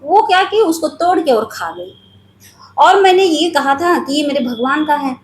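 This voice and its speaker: A woman's voice: high-pitched, lively intonation, moderate pace, echoey room. A woman telling her own spiritual story in an earnest, confiding way, speaking straight to her viewers.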